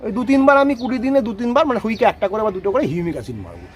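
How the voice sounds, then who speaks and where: A man's voice: very high-pitched, huge pitch swings, racing, slight background noise. A man explaining rose potting outdoors in a casual, explanatory way, often checking that listeners follow. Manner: explanatory, repeats "ঠিক আছে?" to check understanding. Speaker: rose gardening expert.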